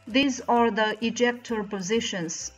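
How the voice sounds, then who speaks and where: Speaking a little high and at a measured pace, this woman in her thirties from China presents a scripted factory walkthrough, with soft music playing in the background. Her English is careful and slightly non-native, with a Chinese accent, and she acts as both channel host and mold company representative. Indoors, against a plain bright backdrop, a front-facing camera captures her in medium close framing.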